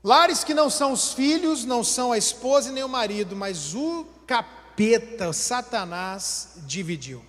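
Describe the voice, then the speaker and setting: A Brazilian pastor preaches with a very high voice that swoops up and down as he acts out little household scenes. His humorous sermon rings through a hall with a long, lingering reverb. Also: measured pace, few pauses. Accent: Brazilian Portuguese. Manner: animated, acts out everyday dialogues.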